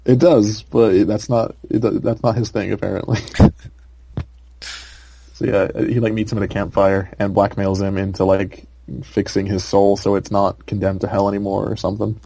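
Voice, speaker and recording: Brief: young male podcast co-host, low mellow voice, loose rambling delivery full of "like" and "um". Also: flat delivery, normal speed, creaky, a little hiss or hum. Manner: rambling, filler-heavy, laughs often. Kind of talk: casual chat.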